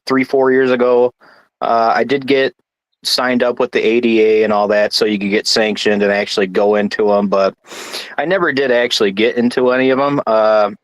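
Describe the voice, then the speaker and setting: A man from Michigan, a guest darts player, chatting casually and haltingly, with lots of restarts and fillers. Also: mid-range voice, no echo, rough recording. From Michigan, United States. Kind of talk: casual chat.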